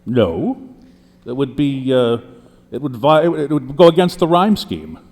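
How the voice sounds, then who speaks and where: A man's voice: mid-range voice, expressive, unhurried, darkish tone. A man playing a deceased poet testifying as a witness in a mock trial, explaining at length with frequent restarts. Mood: earnest. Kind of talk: mock trial role-play. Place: courtroom. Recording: long hall reverb.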